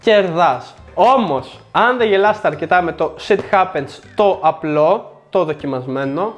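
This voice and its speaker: A man's voice: sits high, lively intonation, soft background music. A young man hosting a board game review show, presenting in a scripted, joking way with sarcastic asides.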